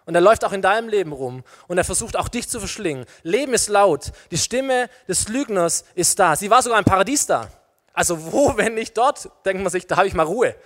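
A man with a rather high voice delivers a sermon, turning to his listeners with questions and everyday examples. His voice carries a long reverb from a large hall. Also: brisk. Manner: lively preaching with illustrations, addresses listeners directly. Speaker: preacher.

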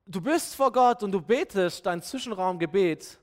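A male pastor preaching a sermon in a fairly high voice for a man. He is animated and speaks straight to his listeners. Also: moderate pace. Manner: animated, addresses listeners directly.

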